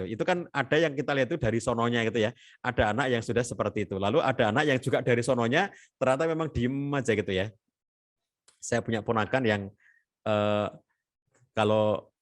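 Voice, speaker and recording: A man giving a chatty, repetitive webinar talk on parenting, full of tag fillers and asides. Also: medium pitch. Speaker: family and parenting speaker.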